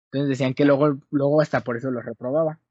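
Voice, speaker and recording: A man's voice: medium pitch, fairly even intonation, fast talker, a little mellow, no echo. A young man with a Mexican accent telling a rambling, self-correcting story in casual chat with friends. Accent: Mexican Spanish. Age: young adult. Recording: dull dry lo-fi sound.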